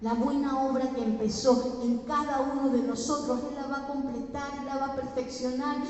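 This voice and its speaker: A woman's voice: high voice, steady tone, moderate pace, a little mellow. A woman preaching a sermon in a church, moving into impassioned, repetitive pleading prayer. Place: church sanctuary. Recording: echoey church hall from far off.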